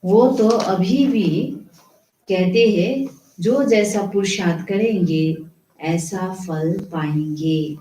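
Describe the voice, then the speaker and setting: A woman gives a devotional sermon at an unhurried, measured pace, stopping to ask and answer her own questions. Her voice is low and mellow. The room around her is echoey. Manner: slow, explanatory preaching with rhetorical questions. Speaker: spiritual teacher. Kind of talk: devotional murli reading with commentary.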